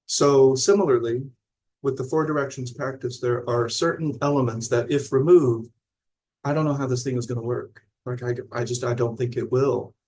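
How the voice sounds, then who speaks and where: A man's voice: medium pitch, fairly even intonation, normal speed, a little mellow. A man in his forties from Illinois, teaching mindfulness in a rambling, conversational live talk that often checks in with listeners. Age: 40s. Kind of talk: live-streamed talk reading viewer comments.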